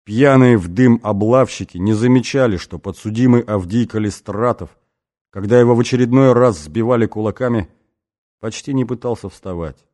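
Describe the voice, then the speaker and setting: A man narrating a literary audiobook in a measured, serious way. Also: mid-range voice, warm tone. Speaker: audiobook reader.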